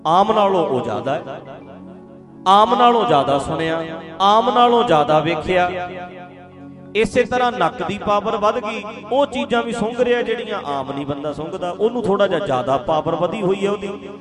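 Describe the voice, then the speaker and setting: A woman's voice: mid-range voice, animated, normal speed. A woman giving a spiritual teaching talk. She explains patiently, repeats her phrases and addresses her listeners directly. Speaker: spiritual speaker. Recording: music playing behind the voice. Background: music.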